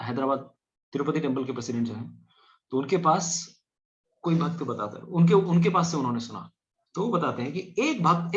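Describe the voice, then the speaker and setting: A man preaching a sermon, telling stories and acting out the voices in them. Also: medium pitch. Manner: animated storytelling, acts out voices. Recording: dull lo-fi recording.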